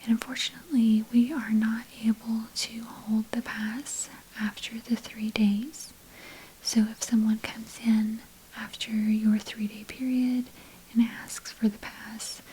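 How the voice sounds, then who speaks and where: Slow, whispered role-play woman librarian. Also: fairly high pitch, a little hiss or hum, low-quality recording. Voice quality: breathy, unvoiced whisper. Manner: soft library whisper, unhurried and polite. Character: patient, helpful public library clerk. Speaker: ASMR performer playing a librarian.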